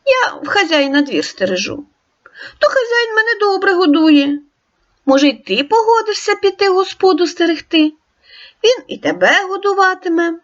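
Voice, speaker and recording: Storybook guard dog, male, well-fed and friendly, read by a woman, high and animated, dull recording. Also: moderate pace.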